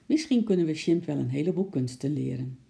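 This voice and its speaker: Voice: mid-range voice, lively intonation, fairly quick, creaky, warm tone. A reader doing an eager little girl. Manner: eager, pleading.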